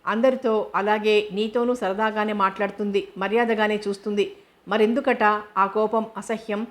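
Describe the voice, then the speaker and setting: A woman's voice: medium pitch, fairly even intonation, normal speed, lightly acted. A woman voicing a sly, teasing inner conscience that speaks sarcastically in a storybook reading. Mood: sarcastic.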